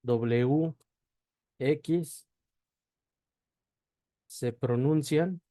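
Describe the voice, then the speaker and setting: With no echo in the audio, we hear a language teacher, male, explaining something slowly in class. His voice is low and warm, his pace unhurried, and he sounds out each sound separately while asking "¿sí?" constantly after each point.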